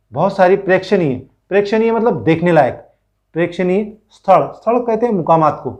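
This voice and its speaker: A man's voice: a little high, highs cut off. A male teacher explaining a school lesson, reading lines aloud, repeating words and asking pupils questions.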